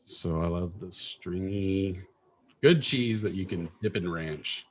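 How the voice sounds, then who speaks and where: A man's voice: low voice, slow pace. A man co-hosting a casual podcast, teasing his co-host and joking around. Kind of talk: casual banter.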